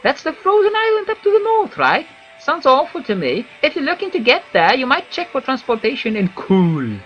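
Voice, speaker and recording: A man's voice: extremely high pitch, wildly swooping pitch, moderate pace, muffled recording, faint music behind, pitched above the performer's own voice, full character voice. A man voicing a chatty, nervous wood elf commoner from a video game in a perky, gossipy christmas elf manner. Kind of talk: video game character read aloud.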